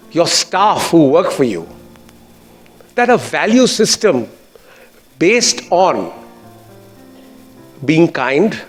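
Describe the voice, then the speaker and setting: Posh Indian-accented man, higher-pitched, giving a speech. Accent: educated Indian English. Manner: earnest, emphatic phrasing. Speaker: school board chairman giving a speech. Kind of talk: formal public speech.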